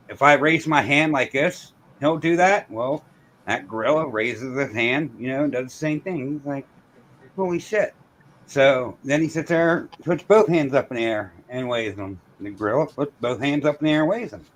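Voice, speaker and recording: A man's voice: medium pitch, a bit bright, slight background noise. Rambling joke-telling man. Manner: rambling, filler-heavy storyteller. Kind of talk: casual chat, joke-telling.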